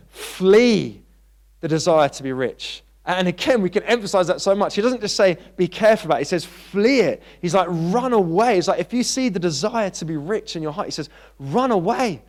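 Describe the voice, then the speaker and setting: A man preaching a sermon in a church. He talks in a conversational way and gets animated when he tells stories. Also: on the high side. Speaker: pastor.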